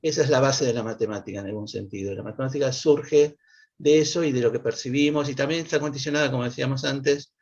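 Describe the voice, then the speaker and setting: A man talks through his ideas in a relaxed interview, pausing and restarting as he thinks. His voice has a gravelly, creaky edge. The recording sounds dull and lo-fi. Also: medium pitch. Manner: thinks aloud, with restarts and fillers. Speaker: guest, mathematician and philosopher. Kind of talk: casual conversational interview. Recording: lo-fi, dull audio.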